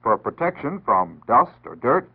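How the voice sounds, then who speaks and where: At a measured pace, a husky American man with a medium, sing-song voice reads a scripted 1960s civil defense announcement. The reading is earnest, instructive and formal. Its audio is tinny and narrow-band, like 1960s archived radio.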